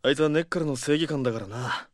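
An actor playing a rough, brash but caring young man in an audio drama, with blunt, slangy speech. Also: a little high, fast, close to an everyday voice. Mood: wry. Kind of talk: Japanese audio drama acting.

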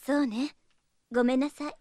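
An actress playing a gentle, troubled younger sister and priestess in an audio drama, speaking in a refined, hesitant, courteous way. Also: female voice, high voice, steady tone, moderate pace, no echo, clean studio sound, close to an everyday voice. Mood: troubled, apologetic. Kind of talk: Japanese audio drama acting.

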